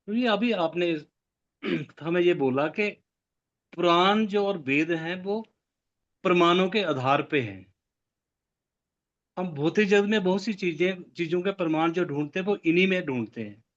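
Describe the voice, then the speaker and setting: A man with a fairly high voice politely poses a halting question to his teacher over a video call. The sound is muffled and dull, like online call audio. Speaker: class participant asking a question.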